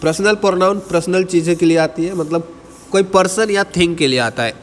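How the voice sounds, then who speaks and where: A man teaching an entrance exam English lesson, explaining in Hindi and dictating English definitions slowly, often asking students and checking they follow. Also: high-pitched, in a large hall. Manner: keeps asking students to answer and checks with "ठीक है".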